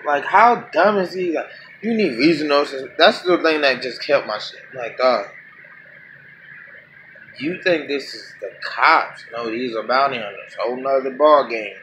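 A man reacting to a video clip in a profane, animated rant. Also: on the high side, a little hiss or hum. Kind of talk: casual reaction commentary.

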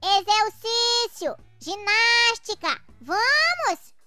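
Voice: extremely high pitch, big pitch swings, very slow, over music, exaggerated voice. An actor voicing a smug, commanding little boy who schemes like a small villain in a children's comic dub.

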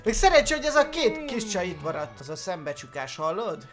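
A man giving jokey, excitable let's play commentary as a gaming YouTuber, with sudden loud exclamations. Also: sits high, music in the background.

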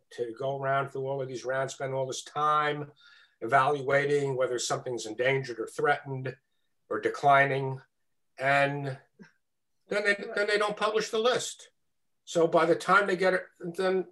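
A man's voice: a little high, a bit bright. A man speaking as guest presenter on a video call, answering questions with frequent fillers and restarts.

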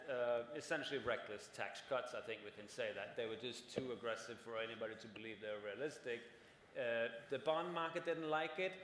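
Here the panelist's voice is medium-pitched and a bit bright: a man in his forties on a large conference hall stage, explaining at length with frequent "right?" tags. The roomy hall gives a long reverb, and a little hiss or hum is present.

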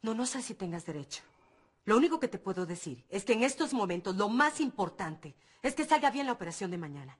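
A woman's voice: mid-range voice, big pitch swings, fairly quick, husky. An actress playing an upset woman who answers curtly on the phone. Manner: curt, cold.

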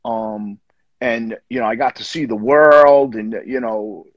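A man in his fifties with a New York accent talks in a relaxed, rambling way, full of fillers and restarts. His voice comes through a video call with dull, lo-fi sound and a dry, close feel. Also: mid-range voice, measured pace, dry recording. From Long Island, New York. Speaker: guest musician. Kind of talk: casual interview chat. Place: home room, indoors.

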